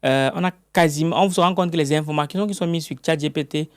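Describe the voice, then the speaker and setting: Man, interviewer, fairly high voice, long reasoned questions, dry close sound. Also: fast talker, smooth, no room sound. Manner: poses long, reasoned questions and gives short backchannel murmurs. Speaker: interviewer working in the book field.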